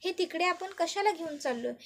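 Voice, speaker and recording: A woman's voice: very high voice, lively intonation, fairly quick, background noise. A woman reading a fussy, suspicious aunt. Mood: questioning.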